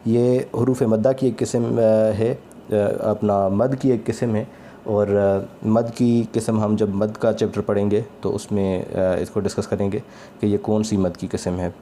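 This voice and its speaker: A man teaching Quran recitation in a calm, patient spoken lesson, sounding out each letter slowly and repeating it. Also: on the low side, a little hiss or hum.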